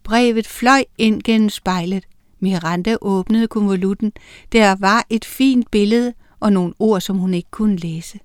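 A woman narrating a children's audiobook, reading with lively character voices. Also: medium pitch, smooth, no echo, clean studio sound.

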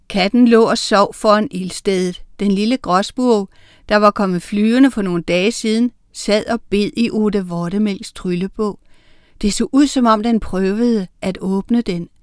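Woman narrator, expressive children's storybook reading; smooth voice, dry close sound. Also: medium pitch, dry recording.

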